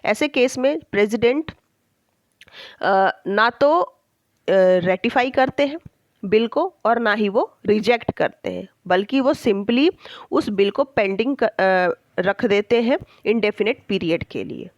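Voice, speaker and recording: A woman teacher explaining a textbook chapter, reading English lines slowly and checking in often with her students. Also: a little high, expressive, dry recording, low-quality recording. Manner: slow, deliberate reading of English lines, with frequent check-ins.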